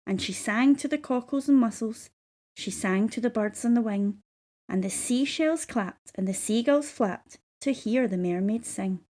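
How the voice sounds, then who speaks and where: Higher-voiced woman reading a children's story. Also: a little mellow. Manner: measured, rhythmic verse reading. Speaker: storybook reader. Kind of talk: children's story read-aloud.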